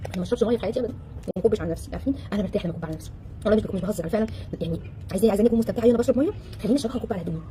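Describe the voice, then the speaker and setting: A woman with an Egyptian Arabic accent coaching a live audience in a casual, animated way, firing off rhetorical questions and acting out the voices of the people she quotes. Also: mid-range voice, racing, slight background noise. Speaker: relationship coach.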